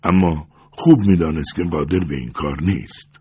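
A man reading a novel aloud as an audiobook narrator, in steady, measured scripted narration. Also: extremely low pitch.

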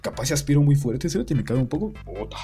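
A man's voice: fairly high pitch, expressive, fast, warm tone, faint music behind. A man, co-hosting a podcast and telling stories in casual chat, rambling and swearing a lot. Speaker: podcast co-host.

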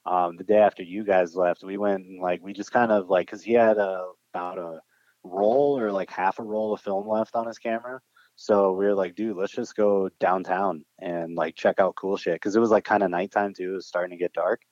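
A man's voice: low voice, fairly even intonation, fairly quick, darkish tone, no room sound. A young man hosting a podcast in casual chat, laid-back and slangy, laughing often. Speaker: podcast host. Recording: muffled dull sound.

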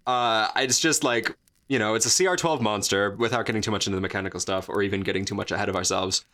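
A man's voice: lowish voice, fast, bright, forceful tone. A man co-hosting a podcast, chatting casually in a rambling, jokey way full of fillers and restarts. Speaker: podcast co-host. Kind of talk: casual chat.

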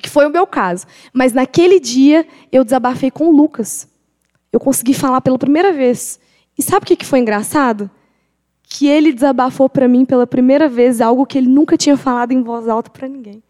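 High-voiced woman, reverberant hall. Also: fairly quick, mellow. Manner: emphatic, confessional, repeats phrases for weight. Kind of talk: personal faith testimony.

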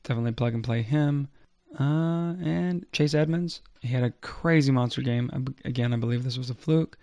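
A man's voice: medium pitch, normal speed, darkish tone, no room sound. A man hosting a fantasy football podcast solo, with casual, slangy sports commentary. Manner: informal, slangy.

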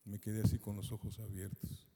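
A man preaches his testimony in an animated storytelling way. His voice is gravelly and mellow, and it rings with a long reverb in a church hall. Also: on the low side, a little fast. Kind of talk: sermon testimony.

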